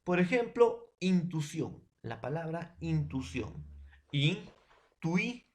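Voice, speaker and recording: Speaking a little slowly in an expressive mid-range voice, a Peruvian man leads a secondary school language class captured as an online lecture recording. His explanations are patient and circle back on themselves, with tag questions, fillers and direct addresses in nearly every phrase.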